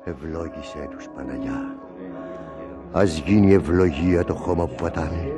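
An actor playing a devout old village father who speaks solemn, heartfelt blessings in a radio drama. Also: very deep voice. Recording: music playing underneath.

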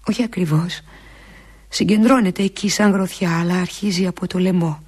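A woman performing a theatrical monologue as a lovesick woman pleading with an absent lover, intimate and often slipping into breathy half-whispers. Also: low voice, a little mellow, full character voice. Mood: aching.

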